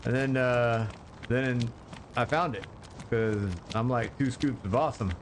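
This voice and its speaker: Slow, rambling male game streamer. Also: medium pitch, fairly even intonation, a little hiss or hum. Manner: laid-back, joking, chatting with viewers; slow, rambling with many fillers. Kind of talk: casual live-stream commentary.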